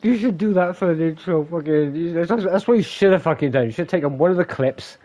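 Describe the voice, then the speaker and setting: A man's voice: on the high side, fairly quick, warm tone, dull audio. Laughing, swearing gamer man. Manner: swears a lot, laughs often, mimics gun noises. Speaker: gaming co-op player. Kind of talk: casual gaming chat.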